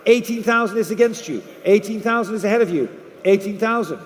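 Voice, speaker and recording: A man runs a live auction in a high voice. He repeats figures and bids again and again as he calls for the next one. His voice rings through a large, reverberant hall. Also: brisk. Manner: repetitive calling of numbers and bids. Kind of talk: live auction bid-calling.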